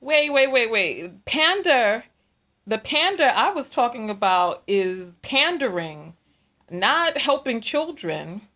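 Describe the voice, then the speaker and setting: A woman with a New York accent and a rather high voice hosts a casual livestream, taking her time as she chats and reads viewer comments. She's animated and chatty, laughing often and repeating phrases.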